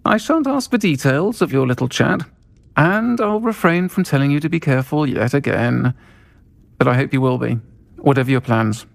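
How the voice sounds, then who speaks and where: A performer voices a kindly witch who keeps a pub in a video game, speaking with a British accent in a familiar, considerate way that feels caring and confiding. The mid-range voice is expressive and creaky, at a moderate pace.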